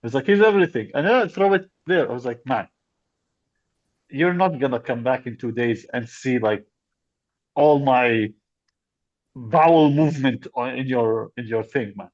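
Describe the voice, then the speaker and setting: Young male podcast co-host, rambling and halting; dry, dull lo-fi recording. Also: mid-range voice, darkish tone, no room sound. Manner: halting, rambling, laughs often. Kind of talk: casual comedy podcast chat.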